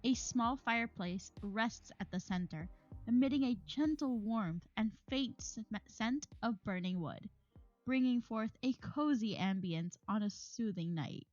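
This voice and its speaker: A woman's voice: a little high, expressive, a little slow, darkish tone, dull audio, faint music behind. A woman co-hosting a podcast, reading a romance novel aloud and breaking off for wry comments and laughter. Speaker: podcast co-host.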